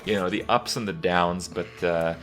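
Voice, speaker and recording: Male gaming host, deep voice, casual and rambling, halting delivery. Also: steady tone, a bit bright, faint music behind. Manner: halting, rambling, with many pauses and repeats. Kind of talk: casual retrospective commentary.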